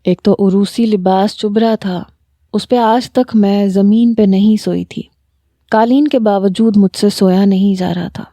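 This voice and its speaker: A woman narrating a romantic story in the first person with a steady, dramatic reading. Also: mid-range voice, no room sound.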